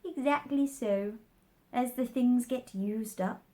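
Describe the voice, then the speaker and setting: A woman voicing a haughty, eccentric man in a children's storybook, theatrical and aggrieved, with drawn-out words. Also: a little high, warm tone, voice pushed up. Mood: mournful. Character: haughty, mad male Hatter, aggrieved and eccentric.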